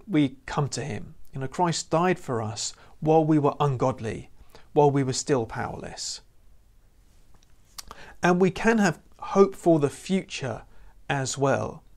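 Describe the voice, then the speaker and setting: A recorded sermon comes from a man whose fairly high, darkish voice is animated yet measured in pace; he talks to camera earnestly and conversationally, often saying "you know." A lapel mic captures him in an indoor room with a lamp and church banner.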